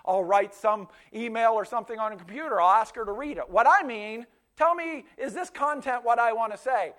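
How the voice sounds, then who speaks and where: Speaking fairly quickly in an extremely high, slightly bright voice, a fifty-something pastor whose first language was Pennsylvania Dutch delivers a story-driven sermon. He restarts often and repeats words.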